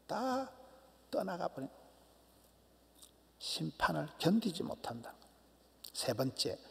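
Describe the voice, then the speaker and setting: Gravelly, animated preacher in a hall. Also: male voice, a little high. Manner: emphatic, swings between loud cries and hushed near-whispers. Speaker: pastor. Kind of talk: sermon. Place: church sanctuary. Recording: long church hall reverb.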